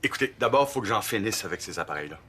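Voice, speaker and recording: Quick-talking repairman. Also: lowish voice, lively intonation, a bit bright, slightly rough. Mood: harried. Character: busy, patient male appliance repairman. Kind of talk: TV drama acting.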